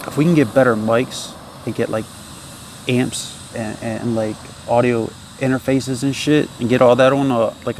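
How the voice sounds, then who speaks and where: Stoner dude rambling casually, kinda low voice, pretty flat delivery, slangy, bit of street noise behind him. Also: male voice, creaky. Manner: loose laid-back stoner drawl; slangy, swearing, repeats tag phrases. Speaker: independent music artist.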